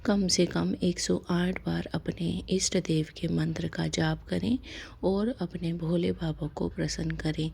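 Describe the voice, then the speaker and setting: A woman hosting a devotional channel, explaining fasting rituals softly and slowly, her lines often trailing off into a whisper. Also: lowish voice, fairly even intonation, vocal fry, breathy edge. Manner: slow, soft-spoken, lapses into whispery line endings.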